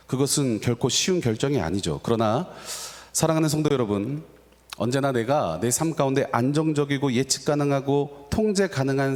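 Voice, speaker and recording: A man's voice: mid-range voice, a little mellow. A man preaching a sermon as a pastor, talking with dramatic swings in his voice. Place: church sanctuary. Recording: reverberant church hall.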